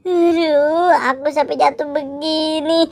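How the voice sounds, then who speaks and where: A woman's voice: high-pitched, fairly even intonation, slow pace, darkish tone, a little hiss or hum. A woman voicing a sleepy, whiny guard from a children's costume skit who has lost his head. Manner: whiny, sighing. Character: sleepy whiny headless Squid Game guard.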